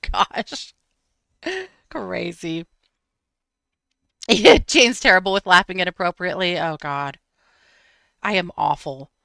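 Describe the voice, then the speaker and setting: Woman in her 50s, host, bright lively read, chatty storyteller who breaks into laughs. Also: lowish voice, gravelly, no echo. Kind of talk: casual storytelling chat.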